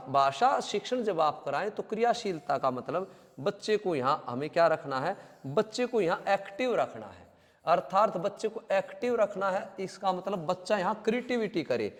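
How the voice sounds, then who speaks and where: A man's voice: high voice, long reverb tail. A man teaching a coaching class lecture, explaining by restating terms and speaking directly to his students.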